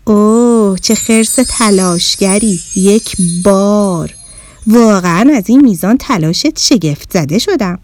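A woman's voice: medium pitch, darkish tone, soft background music, lightly acted. A woman voicing a sassy, teasing talking reflection in a magic mirror that mocks and lectures, in a storybook reading. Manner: cheeky, mocking and lecturing.

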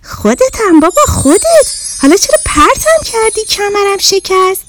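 A woman's voice: very high-pitched, sing-song, a bit bright, soft background music, voice pushed up, full character voice. A woman voicing a sassy, teasing talking reflection in a magic mirror that mocks and lectures, in a storybook reading. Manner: cheeky, mocking and lecturing.

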